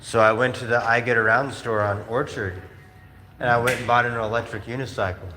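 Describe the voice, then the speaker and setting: A man's voice: medium pitch, fairly even intonation, brisk, bright, forceful tone. A man telling stories in a casual livestream, rambling and laughing with many fillers. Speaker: streamer. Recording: roomy space with faint noise.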